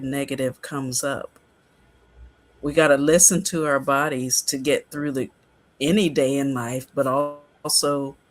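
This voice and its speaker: A man in his sixties on a casual podcast, explaining ideas in a conversational way. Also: mid-range voice.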